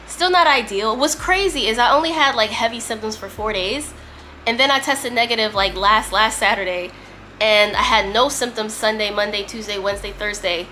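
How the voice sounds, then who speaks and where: A woman vlogger and host chats casually and emphatically to camera while seated, sometimes reading aloud. Getting over a lingering cough, she sounds slightly strained and congested; her voice is a little high and sharp, at a moderate pace, with slight background noise.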